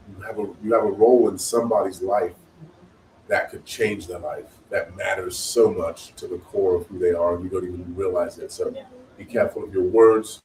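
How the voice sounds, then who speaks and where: A man's voice: low-pitched, darkish tone. A man as a guest speaker on a spiritual talk show, telling stories in an earnest way and repeating phrases as he goes. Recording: roomy, distant mic, faint noise.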